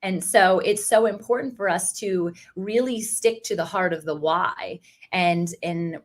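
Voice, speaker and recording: A woman with a lowish voice and measured pace hosts an interview podcast. In this conversational interview she comes across as enthusiastic, affirming and faith-centered.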